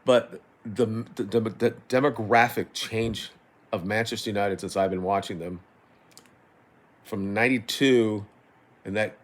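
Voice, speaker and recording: A man's voice: on the low side, fairly even intonation. Rambling, exasperated middle-aged man on a rant. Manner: rambling, halting, frequently doubling back; exasperated, swearing. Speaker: football fan commentator. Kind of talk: unscripted opinion rant about football.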